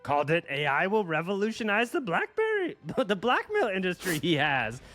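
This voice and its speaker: An ancient, wise little alien master, as a man puts him on, who talks with his words flipped backwards and hums "mm" between phrases. The voice climbs higher than the man's normal talk and swoops around. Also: very animated, normal speed, fairly bright tone, soft background music. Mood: solemn. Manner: inverted word order, humming "mm" between phrases.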